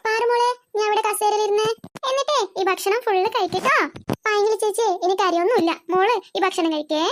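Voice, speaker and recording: A woman voicing a kindly older cartoon aunt who comforts and gently scolds the children. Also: extremely high pitch, fairly quick, a little hiss or hum, voice pushed down. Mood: soothing. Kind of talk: cartoon voice acting.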